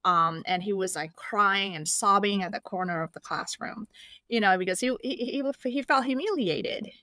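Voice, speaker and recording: A woman's voice: mid-range voice, normal speed, sharp tone, no room sound. Hesitant woman from Indonesia, dry sound. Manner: hesitant, many fillers and restarts. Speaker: guest. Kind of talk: casual interview.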